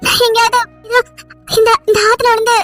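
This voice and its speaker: A woman voicing an anguished, high young woman. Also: completely flat delivery, fairly quick, a bit bright, faint music behind. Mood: despairing. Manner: pleading, tearful outbursts. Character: distressed young woman Vennila, anguished and defiant. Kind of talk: cartoon story voice acting.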